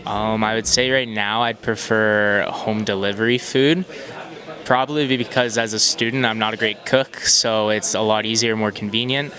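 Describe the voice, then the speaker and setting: A man's voice: on the low side, steady tone, moderate pace, sharp tone, rough recording. A man of twenty-one giving casual, slightly hesitant answers in an interview. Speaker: student interviewee.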